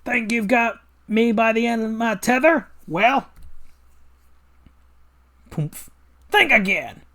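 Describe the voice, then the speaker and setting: A man's voice: extremely high pitch, expressive, takes it slowly, bright, forceful tone, voice pushed up, heavily acted. A man voicing cocky, wisecracking young animal heroes in a brash, punchy comic read-along. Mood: taunting.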